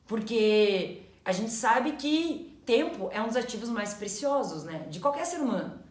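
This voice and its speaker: A woman talks through ideas in a lively, animated way and slips into quoted inner thoughts. Her voice sits a bit high. The room gives a noticeable echo. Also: unhurried. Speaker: co-host. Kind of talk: casual explanatory chat. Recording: echoey room.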